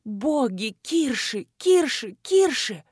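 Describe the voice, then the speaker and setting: Woman reading a tearful young woman, high, urgent pleading, dry close read. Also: moderate pace, darkish tone, no echo, natural voice. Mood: desperate.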